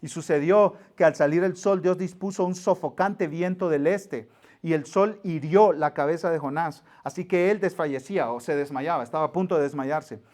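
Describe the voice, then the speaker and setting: A middle-aged man, preaching a sermon as pastor, telling stories with acted-out voices and sudden quiet, intimate asides. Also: on the high side, normal speed. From Mexico. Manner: animated storyteller, acts out voices, drops to near-whisper for emphasis.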